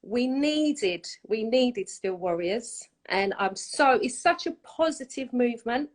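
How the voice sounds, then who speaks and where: A woman's voice: on the high side, lively intonation, slow. A woman from London with a London accent, hosting a casual interview, effusive and repeating herself. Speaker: host.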